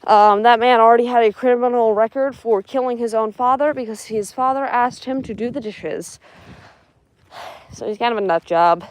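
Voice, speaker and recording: A woman's voice: a little high, moderate pace. A woman vlogging as she walks through a burned cemetery outdoors, talking to herself with dry, sarcastic asides. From Spokane, US. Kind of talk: casual vlog narration while walking.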